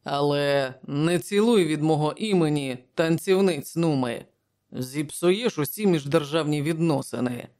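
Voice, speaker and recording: A narrator reading an audiobook voices a brooding barbarian king from the north in a gruff, grim manner, close to the reader's own voice. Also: medium pitch, a little slow, a little mellow, lightly acted.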